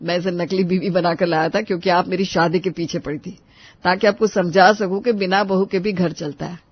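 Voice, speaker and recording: A woman voicing a calm, sensible young adult son in a cartoon. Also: on the low side, fairly quick, slightly rough, no echo. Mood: explaining. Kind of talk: cartoon voice acting. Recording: dull lo-fi voice-over.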